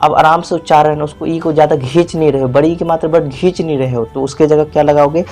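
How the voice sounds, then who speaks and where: Guy teaching spelling, keeps quizzing, fairly high voice, faint music behind. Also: steady tone, darkish tone. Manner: repetitive, quizzing the viewer, drawn-out vowels. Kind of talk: classroom-style spelling lesson.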